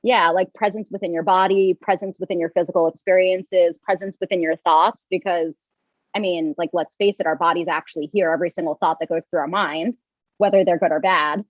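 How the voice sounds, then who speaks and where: A woman's voice: on the low side, fairly even intonation, a little fast, no echo, muffled recording. A young woman talking as a podcast guest, rambling with many restarts and fillers. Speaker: podcast guest, yoga teacher and coach. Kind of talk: casual interview chat.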